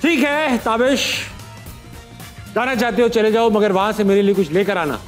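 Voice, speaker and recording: A man hosting a comedy talk show, teasing his guests with quick quips and wordplay. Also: high voice, soft background music. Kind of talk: joking studio chat. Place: television studio with live audience.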